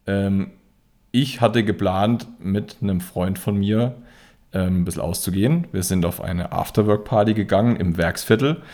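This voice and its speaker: In casual podcast chat, this co-host, a man in his thirties from Rhineland-Palatinate, Germany, carries a Palatinate German accent. His low, dark-toned voice moves at a moderate pace, and his hesitant speech is full of fillers and restarts.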